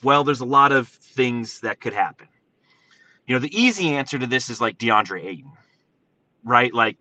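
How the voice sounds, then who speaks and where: Bright, forceful American man talking from inside a car. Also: mid-range voice, dull audio. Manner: animated, informal, emphatic with rhetorical questions. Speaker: sports podcast host. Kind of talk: excited solo sports commentary, casual livestream. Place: inside a parked truck in a parking lot.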